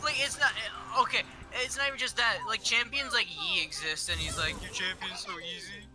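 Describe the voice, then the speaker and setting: A man's voice: very high-pitched, animated, a little fast, music in the background. A young man on a voice call while gaming, griping and sarcastic about other players. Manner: complaining, aggravated, sarcastic. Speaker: teammate on a voice call. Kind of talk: casual gaming chat.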